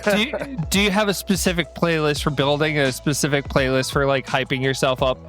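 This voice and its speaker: A man's voice: on the high side, brisk, a bit bright, faint music behind. A male podcast host chatting casually, enthusiastic and full of "like" fillers. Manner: gushing, heavy use of filler "like". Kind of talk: casual conversation.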